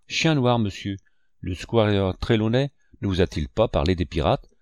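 An eager, earnest young ship's boy, as a male audiobook reader puts him on. The voice stays fairly low and close, with a dry storybook-reading sound. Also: expressive, normal speed, a little mellow, dry recording, close to an everyday voice.

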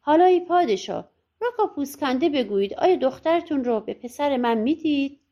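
A woman's voice: high-pitched, expressive, warm tone, highs cut off. A woman voicing a poor, bold old mother in a storybook audiobook, pleading earnestly and persuasively.

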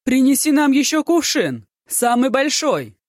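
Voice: medium pitch, expressive, normal speed, darkish tone, dry recording, clean studio sound, pitched above the performer's own voice, close to an everyday voice. A narrator voicing a flamboyant, tipsy male poet who is effusive and theatrically pleased with himself. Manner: effusive, theatrical, self-satisfied.

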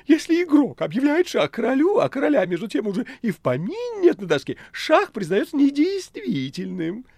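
Demon cat, very high squealing falsetto, theatrical, loud. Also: male voice, huge pitch swings, fairly quick, gravelly, breathy edge, no echo, heavily acted. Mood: mock alarm. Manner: shrill, falsetto, mock-pleading. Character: boastful scheming male demon cat.

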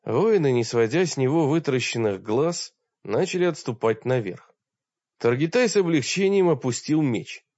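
A man's voice: mid-range voice, moderate pace, dry recording. Man reading a fantasy audiobook. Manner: steady storytelling. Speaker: audiobook narrator. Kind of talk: scripted narration. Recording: dull dry recording.

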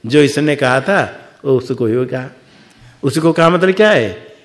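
A man's voice: medium pitch, animated, unhurried. A man giving a scripture lecture as a teacher, posing questions and answering them himself, repeating words for emphasis. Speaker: Vedanta teacher.

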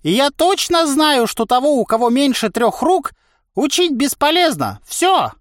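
A grumpy shouting old trainer. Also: male voice, very high voice, sing-song, measured pace, no echo, studio quality, pitched above the performer's own voice, exaggerated voice. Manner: gruff, shouting, scolding. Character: grumpy old four-armed male spear trainer.

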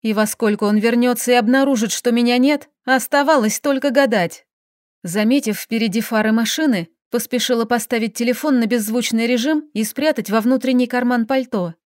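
A woman reading a first-person story aloud as an audiobook, steady and measured. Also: a little high, no echo, clean studio sound. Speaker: audiobook narrator.

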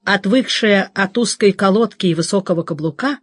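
A woman narrating an audiobook in an expressive, measured reading. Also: medium pitch, breathy edge, dry recording. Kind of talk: scripted narration.

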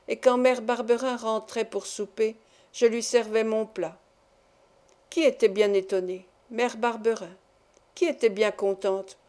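Female audiobook narrator, slightly high, mellow, measured.

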